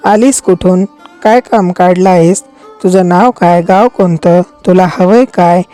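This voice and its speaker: A woman's voice: on the low side, a little slow, natural voice. Woman reading as an anxious palace maid. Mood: wary. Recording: soft music behind.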